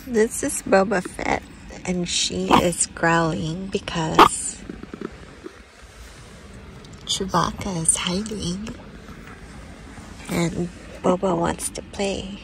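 A woman on her van life vlog, talking gently and coaxingly about and to her dogs. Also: on the low side, drawn-out words, gravelly, pauses often. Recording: loud background noise.

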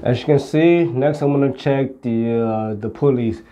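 With a warm tone and a slightly slow delivery, a middle-aged auto repair instructor explains car repair to camera in a plain-spoken, step-by-step way. His pitch is medium, and the audio is dull.

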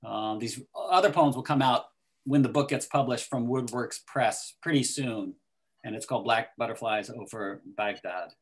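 An older man speaks over a video call from a small room at home, thoughtful and measured and often restarting. His pitch sits in an ordinary middle range. He sounds like a poet and teacher discussing his work. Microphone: video call webcam.

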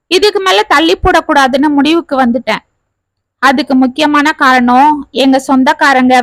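A woman's voice: high voice, a bit bright, no room sound, low-quality recording. A woman reading the part of a young married woman, hurt and bitter, pouring out her grievances in a family story.

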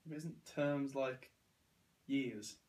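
A man's voice: medium pitch, very slow, a little mellow. A British teenage man trading casual quiz banter on a sofa indoors. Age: teens. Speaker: challenge participant. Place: living room sofa, indoors. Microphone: camera a short distance away.

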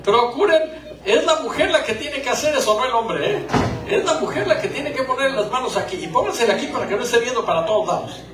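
A man's voice: extremely high pitch, expressive, fairly quick, echoey room, recorded from a distance, over a noisy crowd, low-quality recording. A man gives a joking live talk to couples about marriage and acts out little scenes. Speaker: conference speaker on marriage.

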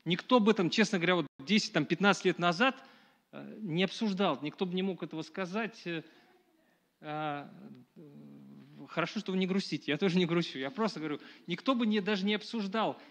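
In a small, dark room, a middle-aged man with a high voice lectures briskly to a live audience. His delivery is conversational, full of fillers and restarts, and a camera records him from afar.

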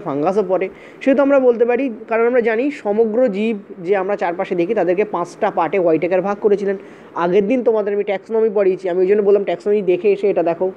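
A teacher giving an exam-prep lecture, repeating points and checking in with "okay" often, spelling terms out letter by letter. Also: medium pitch. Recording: dull, slightly lo-fi audio with faint hiss.

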